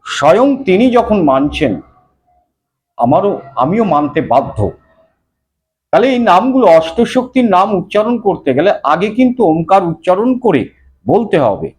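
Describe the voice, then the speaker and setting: Slow, lively high-voiced man teaching scripture. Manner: recites verses then explains them, chants mantras slowly. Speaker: religious teacher. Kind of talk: scripture explanation.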